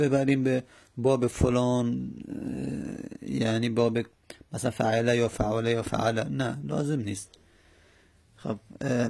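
Gravelly man teaching grammar, unhurried. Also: medium pitch, dark tone. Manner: explains slowly step by step, with many pauses and fillers. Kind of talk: Arabic grammar lesson.

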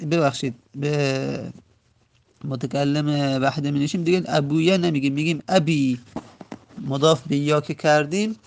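A man with a slightly high, gravelly voice teaches a grammar lesson. He patiently walks through each rule. He recites lists of word forms in a chanting rhythm and poses questions that he then answers himself. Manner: asks and answers his own questions.

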